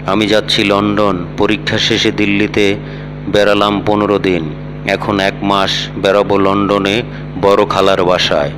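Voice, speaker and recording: A man's voice: lowish voice, a little slow, in a large hall. A man voicing a proud, temperamental young woman who leads her friends, read in a storyteller's plain tone. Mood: chatty. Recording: steady hum and vehicle noise behind.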